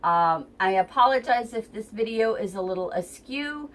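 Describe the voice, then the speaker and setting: A tarot reader with a stuffy, runny nose does a chatty, rambling reading near her kitchen at home, filmed on a tripod camera and full of ums. She speaks at normal speed in a fairly high voice with lively intonation.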